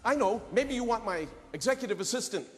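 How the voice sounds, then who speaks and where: A man's voice: very high voice, animated, fairly quick, faint music behind. A man playing a cynical, self-centred businessman in a comic stage drama, sarcastic, flippant and exasperated. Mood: flippant, uneasy. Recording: echoey hall with background noise.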